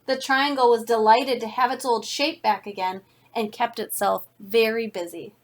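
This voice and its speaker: A woman reading a children's picture book aloud as a teacher, with deliberate, expressive emphasis. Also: on the high side. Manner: deliberate, expressive, dramatic emphasis for young listeners. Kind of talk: read-aloud children's storytelling.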